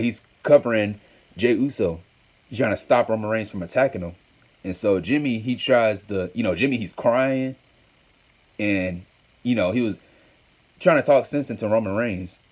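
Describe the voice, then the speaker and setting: A man with a lowish voice casually recapping a wrestling event as host. He rambles along in loose, conversational sentences and repeats lines as he goes. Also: normal speed, pauses often, a little mellow.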